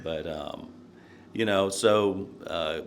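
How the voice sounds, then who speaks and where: An older man from Nashville tells stories in a relaxed, rambling way and stops often for fillers. His voice sits low. A faint hum runs under the recording. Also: slow pace, creaky. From Nashville, Tennessee. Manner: rambling, many fillers, chuckles while telling stories. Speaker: podcast guest, court candidate. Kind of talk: casual interview, storytelling.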